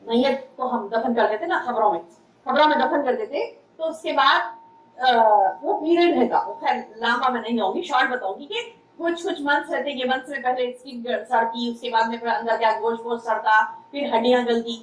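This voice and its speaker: A woman's voice: fairly high pitch, a little fast, slight background noise. A woman religious teacher giving a conversational sermon-style lecture, repeating key phrases for emphasis. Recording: echoey room, distant mic.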